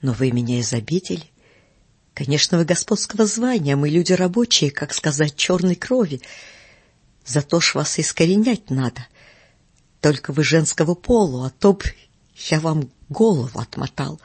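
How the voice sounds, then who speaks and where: A reader voicing a sly old man with a Ukrainian accent who wails and swears oaths in a shrill raised voice. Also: expressive, normal speed, husky, dry recording. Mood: hoarse, aggrieved. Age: older. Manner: wailing, swearing oaths, rising to high shrill pitch. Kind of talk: audiobook character reading.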